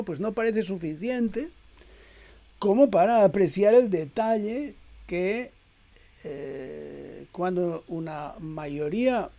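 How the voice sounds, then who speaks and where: A middle-aged man delivering a reflective spoken essay in a measured, hesitant way, with frequent "eh" fillers and repeated words. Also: sits high, creaky, dark tone. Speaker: essayist reading his own text.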